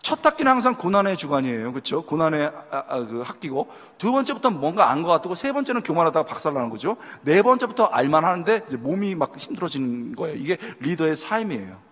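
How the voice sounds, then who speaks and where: A man preaching a sermon to young adults, telling stories with lively delivery and acting out people's lines. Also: fairly high pitch, quick pace, hardly any pauses. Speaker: pastor. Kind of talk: sermon at a youth retreat. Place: church sanctuary. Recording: long hall reverb.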